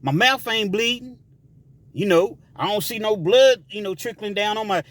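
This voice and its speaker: A man's voice: high-pitched, lively intonation, normal speed, a bit bright, husky, voice pushed up, exaggerated voice. A man doing a brash, taunting young inmate. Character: loud obnoxious young male inmate, taunting.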